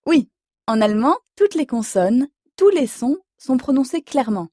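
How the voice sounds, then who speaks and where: A woman teaching an audio language lesson, explaining slowly and clearly and spelling words out letter by letter. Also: high voice, big pitch swings, mellow, dry recording, clean studio sound.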